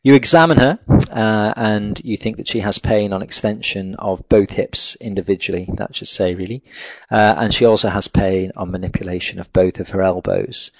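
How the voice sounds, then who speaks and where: A man lecturing on a clinical case over slides, in a measured, technical way with frequent fillers. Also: lowish voice, steady tone, no room sound. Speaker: veterinary lecturer. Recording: dull lo-fi dry recording.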